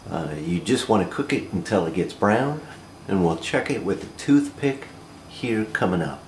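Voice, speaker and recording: An amateur host, a North American man with a low voice, walks through cooking steps in a casual demonstration. His delivery is plain and unhurried yet lively in intonation. A camera mic a short distance away captures him in a roomy home kitchen, with clear background noise.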